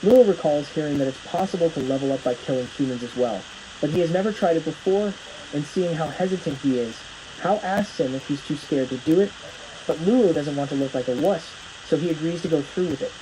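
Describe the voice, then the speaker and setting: A man's voice: fairly high pitch, a little fast, noisy background. A man narrating a plot recap from a script, telling the story as it unfolds.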